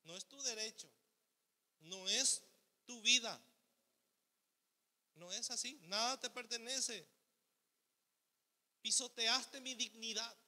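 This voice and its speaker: A man's voice: very high-pitched, takes it slowly, pauses often, bright, forceful tone. A man preaching a sermon as pastor, asking rhetorical questions and acting out the voice of the selfish ego. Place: church hall. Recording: long hall reverb.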